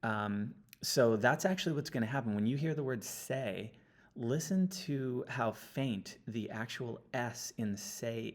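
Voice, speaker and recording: A man talking through an audio analysis step by step, often checking in with a quick "okay?". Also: lowish voice. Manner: explanatory, checks in with frequent "okay?". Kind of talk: screen-recorded audio analysis walkthrough. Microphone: computer mic, sitting close.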